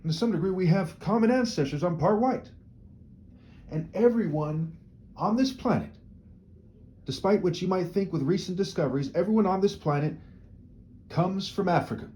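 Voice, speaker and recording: A man's voice: high-pitched, normal speed, pauses often, mellow. A man giving an opinionated solo monologue to camera, rambling and rhetorical, often tagging his points with "right?". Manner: rhetorical, checks in with frequent "right?" tags; discursive, repeats words while restarting sentences. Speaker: video commentator.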